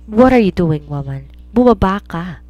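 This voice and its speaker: A woman's voice: lowish voice, lively intonation, normal speed, no echo, highs cut off, natural voice. A woman voicing an angry, drunk young man who coldly pushes a woman away in an audio romance story. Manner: cold, cutting, shouting.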